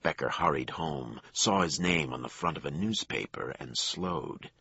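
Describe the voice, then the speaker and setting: A man narrating a crime thriller audiobook in a measured storytelling voice. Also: animated, creaky, pushed and bright, slightly rough, no room sound, highs cut off. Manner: low, measured storytelling with acted dialogue.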